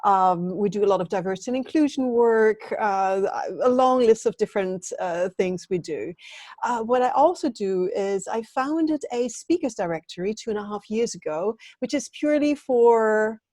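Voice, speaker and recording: A middle-aged Danish training consultant, a guest on a video call interview, answers earnestly and thoughtfully, using some fillers. Her medium-pitched voice is a little mellow and moves at a moderate pace, with no echo.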